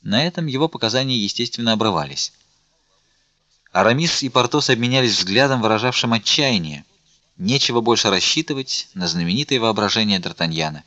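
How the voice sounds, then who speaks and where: A man narrating an audiobook in a steady, clear reading. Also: on the low side, a little fast, no echo, dull audio. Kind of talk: scripted narration.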